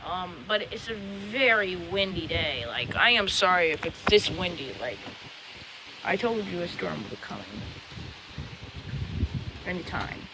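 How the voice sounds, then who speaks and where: A man's voice: high-pitched, very animated, a little slow, pauses often, a loud crowd, rough recording. A man rambling casually and apologetically to viewers, recording a vlog outdoors in strong wind at night. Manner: apologetic, repetitive talk. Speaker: amateur video blogger. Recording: very loud wind noise, outdoors. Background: loud gusting wind.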